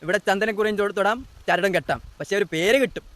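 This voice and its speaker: Brief: male reaction host, high-pitched and rapid-fire, teasing and mocking. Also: heavy background noise. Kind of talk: mocking political commentary.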